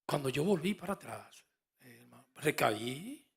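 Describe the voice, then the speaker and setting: A male pastor preaching a fervent sermon, swinging from soft asides to emphatic calls. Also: fairly high pitch, sing-song, moderate pace, creaky, slightly rough.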